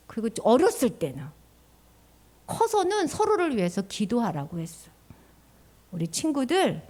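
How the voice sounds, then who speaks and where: Lively high-voiced woman preaching to kids. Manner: animated, sing-song, drops into whispers. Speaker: children's minister. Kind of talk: children's sermon.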